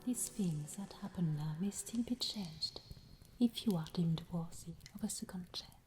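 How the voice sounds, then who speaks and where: Slow whispering Ghost of Christmas Present, played by a woman. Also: lowish voice, music in the background, lightly acted. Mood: solemn. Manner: slow, hushed, storytelling whisper. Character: solemn, gently admonishing female Ghost of Christmas Present. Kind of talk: whispered ASMR roleplay.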